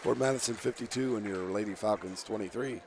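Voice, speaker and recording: A low, gravelly man's voice gives play-by-play for a local girls' basketball game. He reads out the score and the time left at an even pace. His voice is scratchy and has a lot of rasp. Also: fast talker, crowd noise. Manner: steady play-by-play, reading scores and clock times. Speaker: play-by-play announcer.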